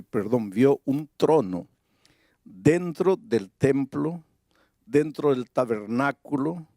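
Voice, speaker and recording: A man preaching a sermon, reading Bible verses slowly and deliberately and building to emphatic high points. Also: warm tone, dry recording, clean studio sound.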